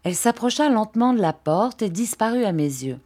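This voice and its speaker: A woman narrating a classic novel as an audiobook, in a measured and expressive way. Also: medium pitch.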